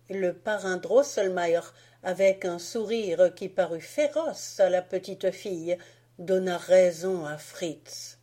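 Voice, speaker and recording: Slow, mellow woman reading a story. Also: lowish voice. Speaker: audiobook reader. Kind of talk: scripted narration.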